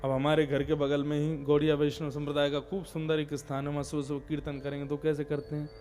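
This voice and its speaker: A man preaching a devotional discourse, explaining in an animated way and breaking into sung chants as examples. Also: fairly high pitch, fast, faint music behind. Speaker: katha preacher.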